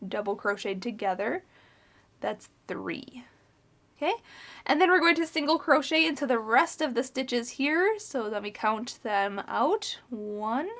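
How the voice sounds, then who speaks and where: Young adult woman, crochet teacher, calm methodical counting, slightly high voice. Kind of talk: step-by-step tutorial instruction.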